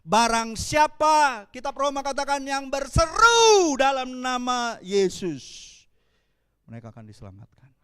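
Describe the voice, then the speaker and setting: A man with a Palembang accent preaching a sermon as pastor, animated and calling out to the congregation. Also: very high voice, a little slow, clear, resonant tone.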